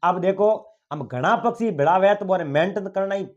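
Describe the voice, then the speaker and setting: A man with a Marwari accent telling an animated folk tale, lifting his voice for the characters. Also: sits high, normal speed, highs cut off. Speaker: folk storyteller. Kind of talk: oral folk tale narration.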